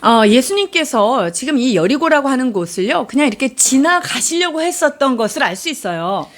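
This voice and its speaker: A woman's voice: sits high, sing-song, a little fast. A woman interpreting a sermon live, explaining and restating each point with fillers.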